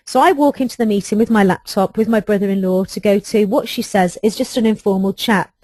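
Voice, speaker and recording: A woman's voice: medium pitch, brisk, darkish tone, dry recording. A middle-aged woman, an HR trainer giving a webinar, recounting a workplace case in an earnest, emphatic way. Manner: earnest, emphatic storytelling with rhetorical questions.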